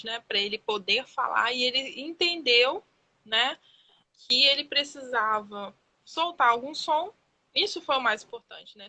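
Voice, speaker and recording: A woman's voice: fairly high pitch, bright, forceful tone, poor audio. A woman with a Brazilian Portuguese accent, a guest mother telling stories in a live-stream conversation and acting out her child's words.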